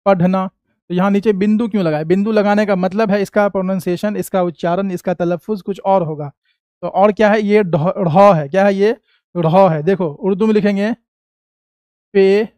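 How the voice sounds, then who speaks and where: Clear high-voiced man teaching letters. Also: darkish tone, no room sound. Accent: Indian Hindi. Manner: patient, asks and answers his own questions; repeats each sound slowly and clearly. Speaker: Urdu teacher. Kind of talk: classroom lesson.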